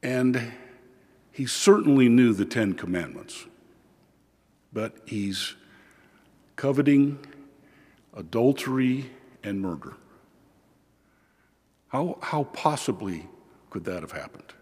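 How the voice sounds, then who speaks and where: A man preaching as a priest at church, reading scripture and giving a homily in a measured, deliberate way, with pauses. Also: mid-range voice, expressive, darkish tone, slightly rough. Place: large church, indoors. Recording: long cathedral echo, large hall.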